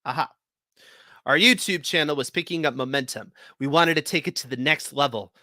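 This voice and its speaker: Male host, story reading, expressive, bright forceful tone, dry sound. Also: on the high side, fairly quick, no room sound. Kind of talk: reading stories aloud.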